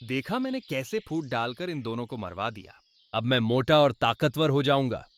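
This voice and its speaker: A man's voice: on the high side, lively intonation, normal speed, a bit bright. A man voicing a cunning, vengeful male wolf in a cartoon, talking in a scheming, menacing way. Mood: gloating.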